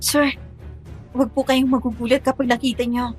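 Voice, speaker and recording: A woman's voice: sits high, level tone, moderate pace, soft background music, natural voice. A young woman voicing a polite, fearful young servant in an audio horror drama. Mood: earnest. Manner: polite, earnest, breaks into screaming and sobbing.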